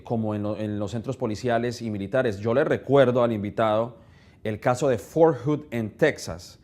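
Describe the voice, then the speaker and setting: A man, a panel analyst in a live news debate, making a measured, deliberate argument. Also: mid-range voice, a little mellow.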